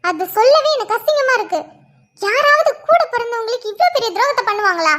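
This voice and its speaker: Woman doing a very high-voiced furious young wife. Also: animated, fairly quick, a bit bright. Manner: accusing, scornful. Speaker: cartoon character voice. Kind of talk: cartoon drama dialogue.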